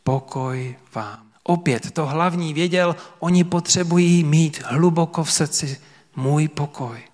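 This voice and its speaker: A man preaching a sermon as pastor to a church congregation, earnest and emphatic with dramatic pauses. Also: fairly high pitch, steady tone, darkish tone, big-room sound. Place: church service before about 300 people.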